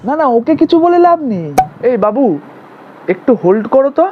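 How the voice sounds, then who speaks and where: A woman's voice: high voice, big pitch swings, narrow, tinny audio, background noise. Young woman acting a comic sketch. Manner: switches quickly between characters, bickering and sweet-talking. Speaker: comedy sketch creator.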